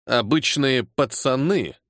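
A man's voice: mid-range voice, very animated, moderate pace, no room sound, clean studio sound, lightly acted. A man playing a seething, clipped army major. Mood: restrained anger. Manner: clipped, restrained anger, caustic. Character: angry disciplined male major, forty-two, hot-tempered.

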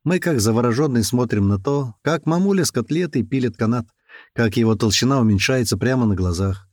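A male audiobook narrator reads first-person narration at a brisk pace in a mid-pitched voice, recorded dry and close to the mic with no echo. He's lively, switching into character voices by raising his pitch and shouting for quoted characters.

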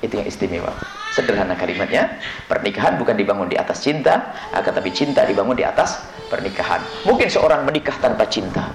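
A man preaching a sermon on marriage, quick and animated, acting out little dialogues between spouses. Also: lowish voice, creaky. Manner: lively, quick preaching with acted-out quoted dialogues. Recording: echoey hall with faint noise.

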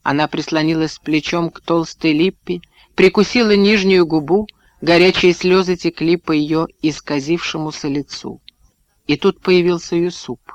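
A man's voice: a little high, fairly even intonation, normal speed, no room sound, lo-fi sound. Man narrating an audiobook, dry and close. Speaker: audiobook reader. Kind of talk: scripted narration.

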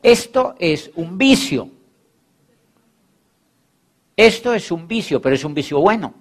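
A man's voice: sits high, slow. A man giving a motivational talk on network marketing, telling stories with playful teasing and acting out both sides of the conversations. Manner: animated storytelling, acting out both sides of dialogues.

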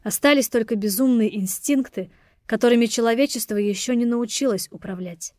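A woman narrating an audiobook in a steady, expressive reading. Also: a little high, brisk, no room sound, clean studio sound. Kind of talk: scripted narration.

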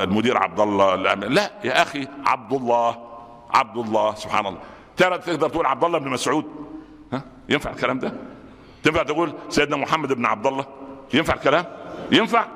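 A man with an Egyptian accent giving a Friday sermon, colloquial and animated, sometimes breaking into sudden shouts. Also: a little high. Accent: Egyptian Arabic. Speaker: preacher. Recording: long hall reverb.

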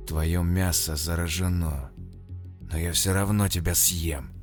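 A man's voice: sits low, fairly even intonation, soft background music. A man voicing a growling mutant brute. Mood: menacing. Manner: growling, slow and menacing. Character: huge mutated man, menacing monster.

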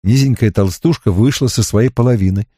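Male audiobook narrator, measured reading, dark tone, dry recording. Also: lowish voice, slightly rough, dry recording.

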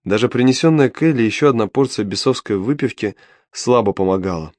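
A man's voice: medium pitch, fairly quick, darkish tone, no echo. A man narrating an audiobook in the first person, with a wry, ironic storytelling manner.

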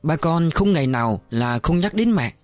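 A man's voice: a little high, lively intonation, normal speed, a little mellow, dry recording, faint music behind, close to an everyday voice. A man voicing an emotional young soldier son, speaking earnestly.

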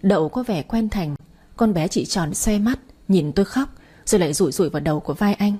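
A woman's voice: mid-range voice, lively intonation, fairly quick, mellow, slightly rough. A woman narrating a first-person audiobook in a grieving, emotional way.

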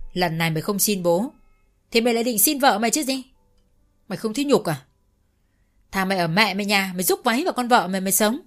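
A woman playing a scornful older brother, shouting contempt at his sibling. He is loud and cutting, in a read-aloud family story. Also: mid-range voice, natural voice.

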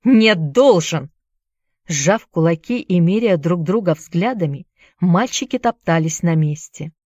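Low-voiced woman narrating a story. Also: measured pace, dry recording, studio quality. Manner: steady, storytelling. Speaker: audiobook narrator. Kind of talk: scripted narration.

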